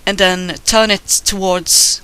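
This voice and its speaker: Casting: artist with a thin, squeaky, bright voice, rambling casually through a drawing tutorial. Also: little pitch movement, takes it slowly, smooth. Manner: informal, rambling, self-deprecating, mild swearing. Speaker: artist narrating drawing process.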